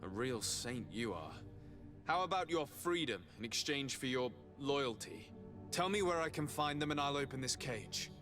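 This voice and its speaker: An actor playing a courteous, direct envoy asking questions on a mission in a video game. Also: male voice, mid-range voice, lively intonation, normal speed, lightly acted. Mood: direct, probing. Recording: music behind the dialogue.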